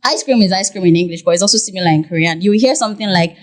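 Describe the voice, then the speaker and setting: A young woman with a Nigerian accent, a podcast guest who explains at length in an animated way, with many "like" fillers. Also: lowish voice, very fast. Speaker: guest, content creator. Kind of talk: podcast interview.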